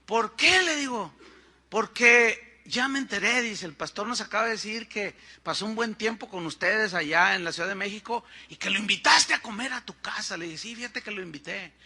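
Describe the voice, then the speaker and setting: A middle-aged Mexican pastor preaches in a high, very bright voice and speaks with a Mexican Spanish accent. He tells the story like a conversation, with asides to his listeners, and he acts out the people he quotes. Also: expressive, normal speed. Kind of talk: storytelling sermon.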